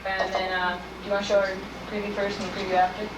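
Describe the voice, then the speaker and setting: A woman's voice: medium pitch, level tone, quick pace. Casual woman panelist on hissy old VHS camcorder tape, distant in an echoey hall. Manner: chatty, informal, addresses the crowd directly. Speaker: fan video creator presenting at a convention panel. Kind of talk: casual panel talk to an audience. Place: convention screening room with audience. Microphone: camcorder mic from across the room.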